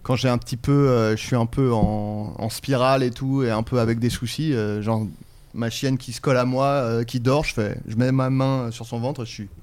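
A man's voice: medium pitch, fairly even intonation, moderate pace, a little mellow, clear, resonant tone. Teasing man co-hosting a podcast. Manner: teasing, laughs easily. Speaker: podcast co-host. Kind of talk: casual chat.

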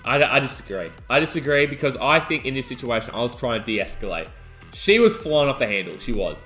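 A man co-hosting a podcast, telling a rowdy story in casual chat and swearing as he acts out the shouting. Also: mid-range voice, fairly quick, faint music behind. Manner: animated, swearing, acts out shouting in his stories. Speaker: podcast co-host.

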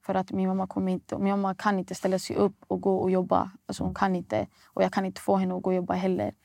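A woman's voice: medium pitch, completely flat delivery, creaky, warm tone, no echo, studio quality. A young woman, a guest recounting a painful personal story and acting out the dialogue. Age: young adult. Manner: retells events acting out quoted dialogue, many fillers. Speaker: guest poet.

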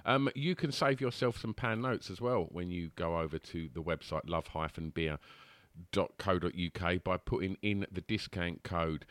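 A man's voice: deep voice, normal speed, a bit bright, no room sound. A man co-hosts a podcast. He talks casually, wandering through his sentences with hesitations and joking asides. The sound is dry, with very little room in it. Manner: rambling, hesitant, jokey. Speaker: podcast co-host.

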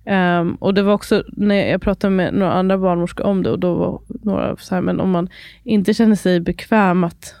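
A woman's voice: lowish voice, fairly even intonation, hardly any pauses, a little mellow, no room sound, studio quality. A woman in her thirties co-hosting a podcast in casual chat, talking freely with frequent laughs and sentences that trail off. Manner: chatty, laughs often, trails off mid-sentence. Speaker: podcast co-host.

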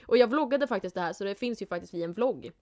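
A woman's voice: medium pitch, animated, a little mellow. A young woman co-hosting a podcast, chatting casually and laughing often. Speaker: podcast co-host. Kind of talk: casual chat.

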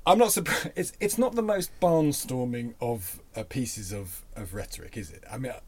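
A man with a Northern English accent and flat vowels, chatting as a podcast host in a halting, self-deprecating way. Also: mid-range voice. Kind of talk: casual literary podcast chat.

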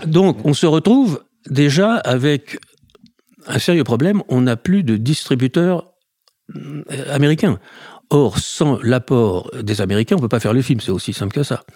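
An older man, a film director guest, telling anecdotes lively in a podcast interview, acting out the people he quotes between frequent hesitations. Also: mid-range voice, normal speed, no echo, clean studio sound.

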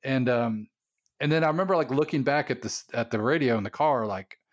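A man co-hosting a podcast, talking in a relaxed, musing way that trails off with fillers. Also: medium pitch, brisk. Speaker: podcast co-host. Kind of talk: casual chat.

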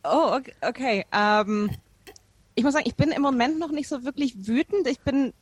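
Woman doing a jittery test subject, lots of ums, kinda high voice, dry sound. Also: moderate pace, dry recording. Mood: unsure. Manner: hesitant, full of fillers. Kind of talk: improvised comedy sketch.

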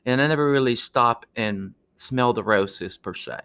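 Earnest Peruvian-born man, halting speech. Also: medium pitch, fairly bright tone, clear, resonant tone. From Peru. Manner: earnest, halting with many restarts. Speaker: guest, architect. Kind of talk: podcast interview.

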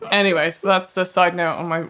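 A woman's voice: on the low side, flat delivery, fast, a bit bright. A woman co-hosting a podcast in casual chat, rambling with self-mocking asides. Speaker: podcast co-host. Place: live event venue.

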